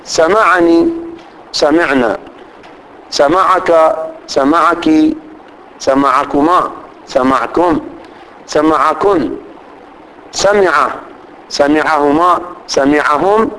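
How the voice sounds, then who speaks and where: A man teaching grammar to a class, reciting lists of pronouns slowly and often checking that students follow. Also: on the high side, a bit bright, poor audio. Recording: faint background noise.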